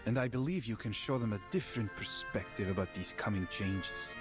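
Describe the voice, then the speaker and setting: An actor playing an earnest, persuasive man in a video game, counselling a friend in measured, reassuring words. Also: lowish voice, loud music behind the voice, close to an everyday voice.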